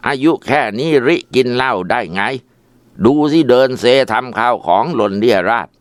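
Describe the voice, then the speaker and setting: A man voicing a calm, patient middle-aged village father who speaks in a low, soothing way. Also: moderate pace, smooth, no echo, clean studio sound, lightly acted. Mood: alarmed.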